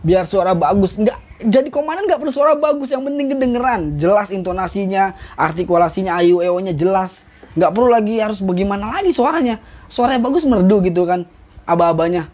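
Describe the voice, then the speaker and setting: Lively intonation marks this young man's high, darkish voice, and his pace is a little fast. Over dull lo-fi stream audio, he teaches drill commands casually, reading from a rulebook and cracking blunt jokes.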